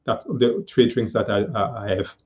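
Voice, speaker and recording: A man in his fifties, a guest on a live-stream interview, speaking earnestly with many pauses and fillers over a video call. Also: lowish voice, steady tone, a little mellow, dull audio. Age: 50s.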